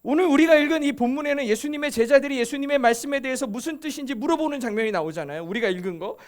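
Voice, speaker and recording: A man's voice: very high voice, lively intonation, racing. A male pastor giving a conversational sermon, asking rhetorical questions and acting out quoted voices.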